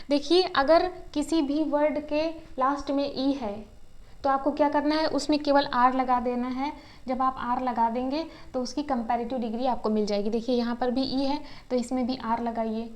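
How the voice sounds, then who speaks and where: A woman teaching an English grammar lesson in a classroom style. She asks questions and answers them herself, and she spells words out slowly, syllable by syllable. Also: high-pitched, darkish tone. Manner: slow, syllable-by-syllable word spelling.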